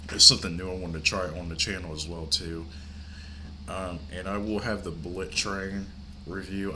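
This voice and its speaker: An older man with a stuffy, congested nose hosts his movie channel from home, rambling chattily in a casual vlog. His low voice sounds pushed and bright, and the recording carries a little hiss or hum.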